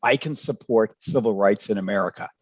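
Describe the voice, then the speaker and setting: An older Canadian man, a professor, answers interview questions by telling stories, his words halting and often repeated. His pitch is fairly low and slightly rough, and the recording is dry.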